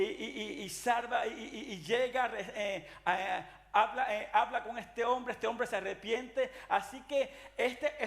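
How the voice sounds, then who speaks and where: A man's voice: very high voice, a bit bright. A man preaching a sermon as pastor, earnest and searching, often restarting phrases and addressing his listeners as beloved brothers, with a Latin American Spanish accent. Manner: earnest preaching with frequent restarts and repeated "mi amado hermano".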